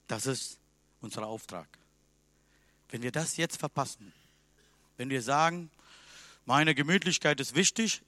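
Preacher guy, fairly high voice, intense sermon, gets loud, dry recording. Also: dry recording. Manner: non-native German, intense, rising to loud exhortation. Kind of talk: sermon and closing prayer.

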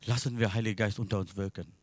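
A man preaching a sermon in non-native German with grammar slips, swinging from loud, impassioned passages to hushed ones. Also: on the low side, steady tone, fast, no echo. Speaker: pastor. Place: church service.

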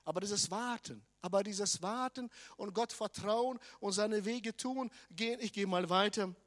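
High-voiced preacher, emphatic man. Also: a little slow. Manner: emphatic, swings from loud declarations to quiet asides. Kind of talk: sermon.

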